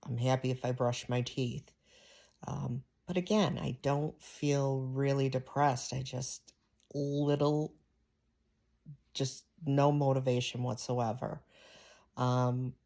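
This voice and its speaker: A woman's voice: very deep voice, gravelly, mellow. A middle-aged woman vlogging from home in a candid, rambling way, with lots of fillers. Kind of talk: casual home vlog chat.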